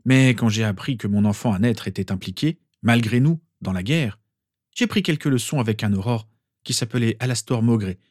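A man's voice: mid-range voice, animated, normal speed, darkish tone, no echo, studio quality, lightly acted. A man voicing an amused, protective father in a storybook reading, with a fatherly tone.

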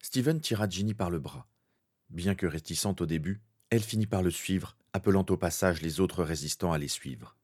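A man narrating a fan fiction story in a steady, dramatic way. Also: low voice, moderate pace, husky.

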